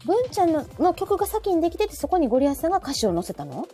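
A talk show host with a Kansai Japanese accent chats casually on a live stream, her extremely high, sing-song voice racing along with a dark tone. She's talkative and keeps chiming in with repeated short backchannels, with background music playing behind the talk.

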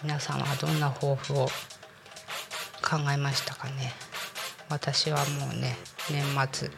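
A woman's voice: extremely low pitch, little pitch movement, takes it slowly, vocal fry. A woman hosting a community radio talk show in a conversational way, her voice nasal and stuffed up from a cold. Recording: music bed behind the voice. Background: music.

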